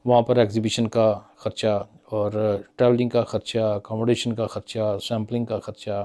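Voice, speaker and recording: A middle-aged Pakistani business commentator speaks straight to a phone camera held at arm's length in a small office with framed certificates on the wall. His voice is lowish and warm with a level tone, and he muses conversationally, gesturing with his hands. He thinks aloud through his figures, pausing on many fillers.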